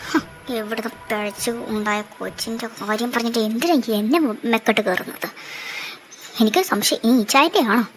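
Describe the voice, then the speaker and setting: A woman voicing a sharp-tongued, scornful young wife in a fan audio drama, answering with cutting taunts. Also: on the high side, brisk, natural voice, low-quality recording. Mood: sneering.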